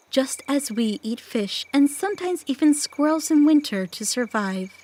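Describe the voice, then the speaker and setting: In an audio play, a woman with a fairly high-pitched voice plays a mysterious storyteller. She tells eerie tales to children in a hushed, theatrical, suspenseful manner.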